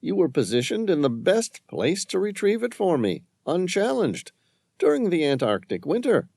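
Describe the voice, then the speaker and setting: A man's voice: high-pitched, very animated, normal speed, vocal fry, a little mellow, no echo, clean studio sound, pitched above the performer's own voice, exaggerated voice. A man voicing a cold, calculating male handler in an audiobook, speaking in a cool, clipped, businesslike way. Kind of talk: audiobook narration.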